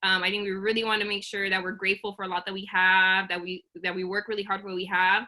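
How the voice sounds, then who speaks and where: Her voice is medium in pitch and sharp in tone, moving quickly with little pitch variation. She's a woman in her thirties from Oakland, California, earnestly running a career webinar by video call and often restarting or saying um and other fillers.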